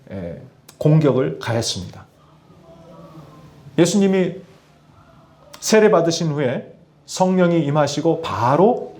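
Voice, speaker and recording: A middle-aged male pastor preaching a sermon to his congregation, often asking them questions. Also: fairly high pitch. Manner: addresses congregation with questions, lively emphasis. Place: church in Tianjin, China.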